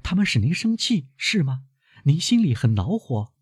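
A man's voice: fairly high pitch, very animated, moderate pace, slightly rough, no room sound, studio quality, voice pushed up, exaggerated voice. A man voicing an anxious, pleading young woman. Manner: pleading, urgent questioning.

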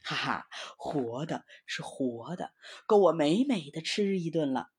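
A woman voicing a big, greedy male tiger in a children's storybook, muttering in a low, grumbling voice. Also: animated, unhurried, a little mellow, husky, exaggerated voice. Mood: gloating.

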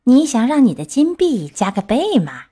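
A crafty fox speaks with smooth, oily politeness and a lively, rising lilt, as a woman reading a storybook puts him on. He flatters while he schemes. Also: fairly high pitch, normal speed. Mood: sly. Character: sly scheming male fox.

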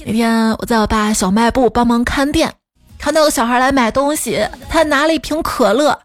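A woman's voice: a little high, moderate pace. Playful woman telling jokes over music. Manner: playful, laughs often, acts out quoted voices. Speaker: podcast host. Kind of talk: comedic joke storytelling.

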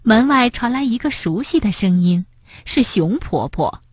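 A woman narrating a children's picture-book story in an expressive storytelling manner. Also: fairly high pitch, measured pace, slightly rough, no echo, clean studio sound.

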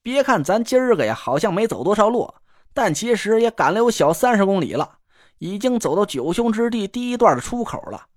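Man voicing a boastful joker, lively swooping pitch, dry close sound. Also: brisk, no echo. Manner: teasing, boastful, chatty slang. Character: cocky joking young male camp cook. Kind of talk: audiobook character voice.

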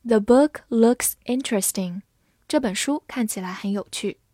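A woman with a somewhat high, dark-toned voice leads a scripted English vocabulary lesson. She spells out every word one letter at a time and reads example sentences at a slow pace. The audio is clean studio sound without echo.

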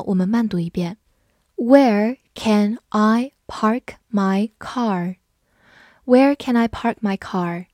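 A woman teaching English vocabulary, who spells out words letter by letter and reads example sentences slowly. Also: medium pitch, mellow, no echo, studio quality. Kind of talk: vocabulary lesson.

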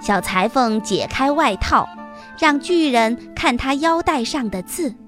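Soft music plays behind this high-voiced woman as she narrates a scripted fairy tale for kids, acting as host with deliberate, expressive storytelling.

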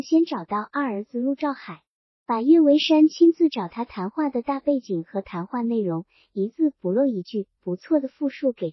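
A woman narrating a novel in a steady, even reading. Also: sits high, slightly rough, no room sound. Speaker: audiobook narrator. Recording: dull, dry lo-fi recording.

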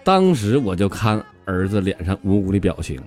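In a stand-up monologue, a comedian with a Northeastern Chinese accent tells comic stories in a brash manner, landing swear-filled punchlines. His low voice is sing-song at a normal speed, and music plays behind him.

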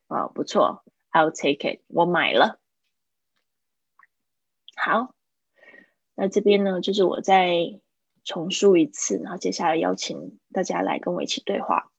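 A woman teacher leads a live-streamed English lesson, explaining phrases and repeating key words slowly. Her voice carries a gravelly, slightly husky edge. The sound is close and dry. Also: on the low side, no echo, low-quality recording. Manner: patient explaining, drills pronunciation by repeating words.

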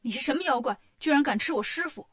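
A woman voicing a brash, impatient male monkey king who talks brisk and sharp in a storybook tale. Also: sits high, lively intonation.

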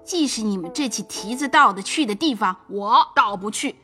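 An actress voicing a coarse, hot-tempered servant mother who yells crude abuse. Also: sits high, sing-song, moderate pace, faint music behind, heavily acted. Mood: angry. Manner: loud, crude yelling. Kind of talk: audio drama acting.

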